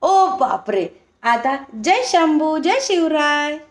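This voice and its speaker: A woman's voice: sits high, big pitch swings, slow pace. A young woman filming a family vlog at a relative's home, chatting, teasing and coaxing her small son to talk. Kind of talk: casual family vlog chat.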